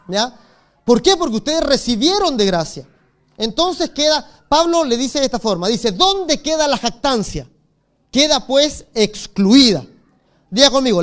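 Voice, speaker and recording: A man preaching a sermon as pastor, telling the story with animation and calling on his congregation. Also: extremely high pitch.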